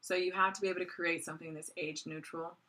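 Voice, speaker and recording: A woman's voice: fairly low pitch, level tone, quick pace, pushed and bright. A woman in her forties giving a recorded course lecture in a conversational way, with many "um" fillers. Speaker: college lecturer.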